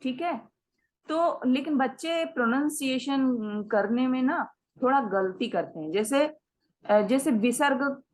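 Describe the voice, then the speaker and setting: A woman leads a Sanskrit grammar class in Hindi mixed with English words, explaining step by step, sounding out each example word slowly and repeatedly checking in with her students. Her voice sits high, and the recording quality is low.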